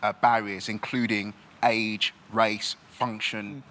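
A man born in Nigeria who grew up in this country, answering questions in a reflective church panel discussion, thoughtful and halting with many restarts. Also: lowish voice, level tone, pushed and bright.

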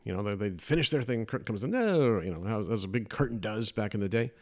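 A man's voice: fairly low pitch, fast. Older man telling showbiz stories. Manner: chatty, animated anecdotes with put-on quoted voices. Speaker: podcast host. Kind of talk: casual storytelling.

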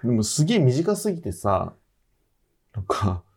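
A man co-hosting a podcast in casual chat, talkative and quick with short agreeing nods. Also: mid-range voice, sing-song, darkish tone, breathy edge. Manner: chatty, reacts with short nods. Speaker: podcast co-host.

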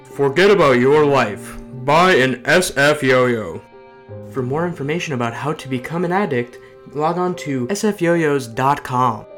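A man's voice: mid-range voice, a little slow, soft background music, voice pushed up, close to an everyday voice. A man doing a pushy spoof ad announcer. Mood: hard-sell. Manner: loud hard-sell announcing.

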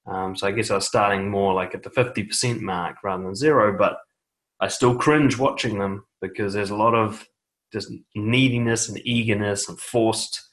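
Seated indoors, a man who coaches dating and confidence on YouTube talks straight to the camera about confident speaking, and the audio quality is low. His lowish voice moves deliberately, with frequent soft "okay" asides and repeated words to drive points home.

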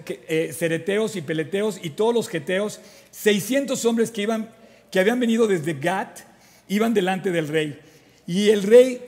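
High-voiced preacher in a reverberant hall. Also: male voice. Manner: animated storytelling, frequent restarts and asides. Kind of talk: sermon with Bible reading.

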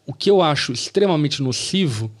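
A man discussing a serious topic in a deliberate way, pausing and restarting with fillers. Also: on the high side, expressive.

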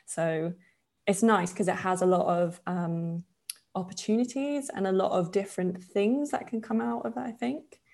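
A woman in her twenties from Poland, a podcast guest talking in a relaxed, chatty way with lots of fillers and frequent laughs. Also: medium pitch, moderate pace, vocal fry. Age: 20s. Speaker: podcast guest, yoga teacher. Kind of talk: casual interview chat.

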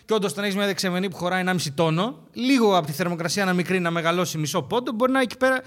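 A man co-hosting a casual podcast chat, telling an animated story and acting out the people in it. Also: high-pitched. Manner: animated storyteller who acts out the people he quotes. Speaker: podcast co-host.

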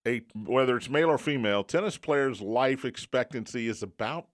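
A man hosts a sports talk show in a radio studio. His voice sits at an average pitch, and he delivers lines like an emphatic promo announcer. He slips in joking, self-mocking remarks. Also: moderate pace. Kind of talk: sports talk radio with live sponsor reads.

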